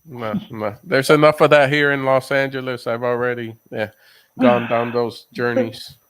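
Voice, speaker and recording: A man's voice: medium pitch, little pitch movement, normal speed, a bit bright, clear, resonant tone. A man from the Dominican Republic co-hosting a casual comedy chat, laid-back and easygoing. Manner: laid-back, calls others bro. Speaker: co-host.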